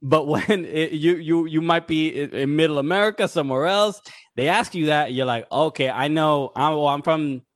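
A man who co-hosts a casual chat and talks thoughtfully, with many halting restarts. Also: fairly high pitch, no room sound, studio quality. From New York. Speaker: podcast co-host.

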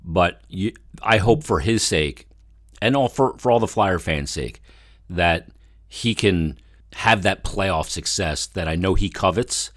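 A man's voice: low voice, slow pace, a bit bright, dry recording, clean studio sound. A man hosting a sports podcast, giving conversational solo commentary and repeating phrases for emphasis.

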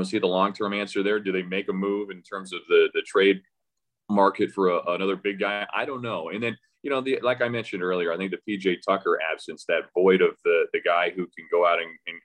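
This man's voice is deep and fairly bright, with fairly even intonation and a fairly quick pace. As a radio play-by-play announcer appearing on a podcast, he talks about the game in a loose, casual interview, hesitating and thinking out loud with many false starts.

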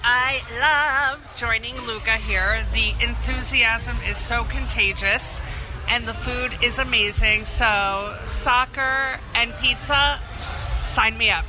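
An enthusiastic woman with a New Jersey accent gushes in a casual interview. Her voice sits a bit high and she talks slowly. Music plays clearly behind her in a restaurant. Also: poor audio. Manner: enthusiastic, gushing. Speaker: interviewee at supporters club.

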